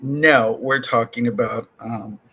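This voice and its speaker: A man hosting a podcast in casual chat, excitable and halting, with lots of fillers and restarts. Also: mid-range voice, slight background noise, poor audio. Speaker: podcast host.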